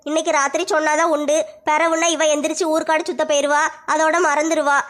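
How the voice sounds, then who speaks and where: Woman as a very high-voiced, fast-scolding mother-in-law, comedy sketch. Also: level tone, fairly bright tone. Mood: scheming. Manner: scolding, sly, fast-talking. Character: scheming sharp-tongued middle-aged mother-in-law. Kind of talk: comic family sketch acting.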